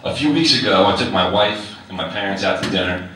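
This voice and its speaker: This teacher's low-pitched voice has lively intonation, a brisk pace and a sharp tone as he reads his own essay to a live audience. He sounds wry and conversational and questions the listeners directly. A distant mic in a very echoey hall adds faint noise.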